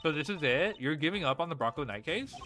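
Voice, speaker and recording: Guy putting on a feisty young gal from a game, a bit higher, bright and lively. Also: fast talker, soft background music. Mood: indignant. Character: spirited young woman thief, indignant.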